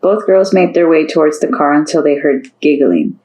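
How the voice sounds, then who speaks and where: A woman's voice: deep voice, big pitch swings, normal speed, mellow, low-quality recording. A woman narrating a story aloud, reading steadily and lifting her voice for the characters' lines.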